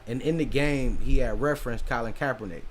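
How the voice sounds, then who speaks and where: A young man co-hosting a podcast, bantering loudly in casual chat, animated and profane. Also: mid-range voice, brisk, slight background noise. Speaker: podcast co-host.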